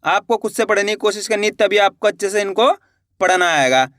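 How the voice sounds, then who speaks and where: A man's voice: high-pitched, brisk, a bit bright, dry recording, studio quality. A man teaching Hindi reading. He spells each word out syllable by syllable and encourages viewers, whom he calls friends. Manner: spells words syllable by syllable, drawn out. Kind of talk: slow step-by-step reading lesson.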